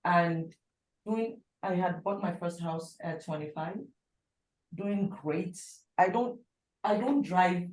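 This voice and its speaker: A woman's voice: fairly low pitch, slow pace, darkish tone. Emphatic woman in her forties. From Nigeria. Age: 40s. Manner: emphatic, blunt, repeats for stress. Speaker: instructor. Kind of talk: frank motivational talk in class. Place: classroom. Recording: echoey room.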